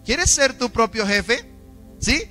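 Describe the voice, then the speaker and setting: A pastor with a Colombian Spanish accent preaches a sermon in church, his voice animated, slow, pushed and bright, with faint music in the background. His delivery is dramatic and emphatic, pitch shifting as he often puts questions to the congregation.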